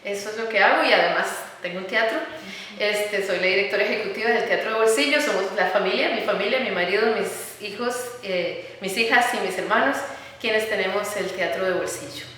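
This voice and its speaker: A middle-aged woman with a Costa Rican Spanish accent talks about her work in an earnest, halting way, full of fillers and repeated phrases. Her voice sits at a medium pitch. She sounds far from the mic, with strong room echo and a long reverb tail. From Costa Rica. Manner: earnest, warm about children, many fillers and repeated words. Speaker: architect and educator, interview guest. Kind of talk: conversational interview. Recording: echoey room, recorded from some distance.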